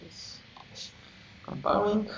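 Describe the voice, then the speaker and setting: A man teaching a programming class, halting and searching for words as he explains, heard from a distance. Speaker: programming instructor. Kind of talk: live coding lecture. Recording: roomy, distant, dull lo-fi mic with faint hiss.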